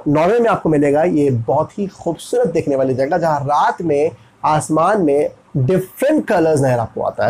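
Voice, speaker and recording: Animated Indian man teaching pronunciation. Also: fairly high pitch, slightly rough, rough recording. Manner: animated, asks and answers his own questions. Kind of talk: explaining lesson.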